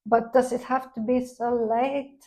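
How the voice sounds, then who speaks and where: Older lady cohosting a podcast, slightly high voice, chatty and self-mocking. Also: level tone, measured pace, dark tone, poor audio. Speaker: podcast co-host. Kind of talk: casual podcast chat.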